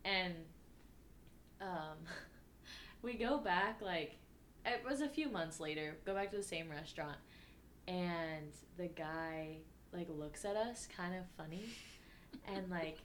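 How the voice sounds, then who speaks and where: Lower-voiced woman podcast host. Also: takes it slowly, pauses often, a bit bright, a little hiss or hum. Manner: easygoing, prompting questions. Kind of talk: casual chat.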